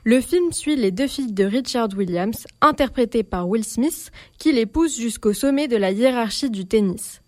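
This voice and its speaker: A woman's voice: fairly high pitch, lively intonation, normal speed, few pauses, darkish tone, no room sound. A woman presenting the week's streaming releases as a columnist, reading steadily from a script.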